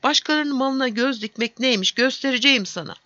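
A woman voicing a short-tempered male dwarf in a storybook, shouting indignantly. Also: a little high, animated, unhurried, no echo, muffled recording, pitched above the performer's own voice. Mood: angry shouting.

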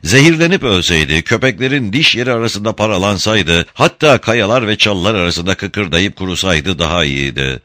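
Deep-voiced man narrating an audiobook. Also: lively intonation, normal speed, few pauses, pushed and bright, dry recording, clean studio sound.

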